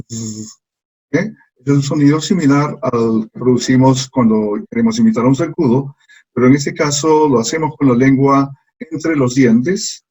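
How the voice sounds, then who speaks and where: A man teaching English pronunciation from slides, slow and patient, repeating sounds for learners to copy. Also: mid-range voice, darkish tone, husky, rough recording. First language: Spanish. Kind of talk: slide lesson.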